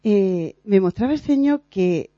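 A woman giving an informal sermon at a prayer meeting, earnest and animated, sometimes laughing at herself. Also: medium pitch, unhurried, no echo. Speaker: lay preacher in a prayer meeting. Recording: dull lo-fi recording.

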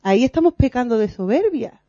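A woman preaches informally to her fellow believers. Her voice is mellow and warm, and her delivery is earnest and lively. The recording is dry and slightly dull, like a low-fi capture. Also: fairly quick, no room sound. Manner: earnest and animated, acts out quoted voices, laughs at herself. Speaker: lay preacher in a prayer meeting. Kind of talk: informal sermon.

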